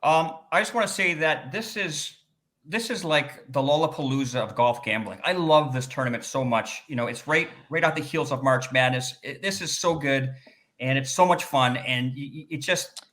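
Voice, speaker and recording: Canadian male researcher, bright tone, mid pitch, excitable panel talker. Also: moderate pace. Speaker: sports researcher. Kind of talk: casual panel chat.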